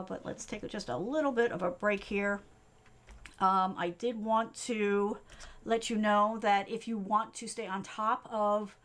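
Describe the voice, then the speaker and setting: Woman from the east coast, middle-aged tech coach, quick chatty delivery, lots of um and right, mid-pitched voice. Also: a bit bright. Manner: fast, chatty, many fillers and tag questions. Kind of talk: live-stream tutorial talk.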